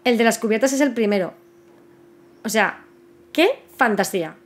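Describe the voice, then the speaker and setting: A young woman hosting a casual live stream, chatting excitedly and stumbling over her words in constant restarts. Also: on the high side, moderate pace. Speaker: host of a live book news stream.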